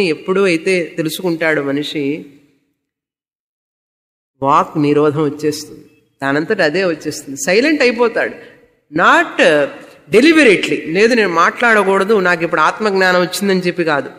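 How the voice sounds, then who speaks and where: A woman's voice: lowish voice, a bit bright, long reverb tail. A woman spiritual teacher giving a scripture lecture, explaining Sanskrit verses word by word and asking rhetorical questions that she answers herself.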